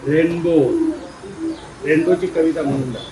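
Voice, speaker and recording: A man playfully quizzing schoolchildren, coaxing and teasing them and urging them to speak louder. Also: on the high side, steady tone, unhurried, noisy background. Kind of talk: playful classroom questioning.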